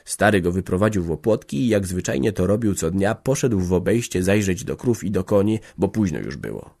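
A man reading a classic novel aloud as an audiobook narrator, in a measured, even storytelling manner. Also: low voice, vocal fry.

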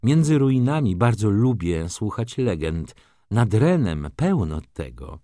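A man's voice: lowish voice, very animated, measured pace, mellow, no echo, studio quality. A man voicing a young aristocratic lady who speaks in a commanding, lightly condescending way. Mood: poised.

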